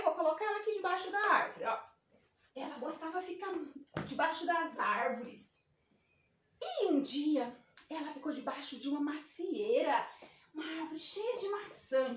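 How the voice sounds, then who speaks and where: A woman teacher, telling a story to young children in an animated, sing-song reading lesson. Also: high-pitched, slight background noise. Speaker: primary school teacher. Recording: echoey room, distant mic.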